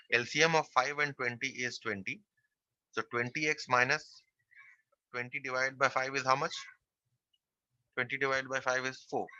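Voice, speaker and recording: A man's voice: medium pitch, pushed and bright, no echo, dull audio. A man teaching a math class online, working through a percentages problem step by step and repeating the key phrases.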